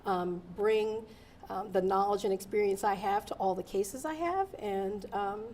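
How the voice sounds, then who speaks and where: A woman's voice: mid-range voice, a little slow, a little mellow, slight background noise. Earnest woman attorney, interview guest. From Delaware, USA. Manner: earnest, many ums and uhs. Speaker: guest, attorney and judicial candidate.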